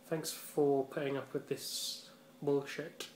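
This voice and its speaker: A man's voice: mid-range voice, flat delivery, slow pace, a little mellow. A man rambling through a casual vlog monologue, swearing freely and leaning on fillers like "you know" and "um". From Britain. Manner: rambling and profane, heavy on fillers. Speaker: vlogger. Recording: echoey room with faint ambient noise.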